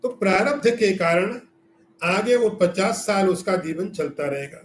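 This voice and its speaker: A man's voice: sits high, animated, measured pace, roomy sound. A man giving a scriptural lecture as a spiritual teacher, explaining with everyday examples and asking rhetorical questions.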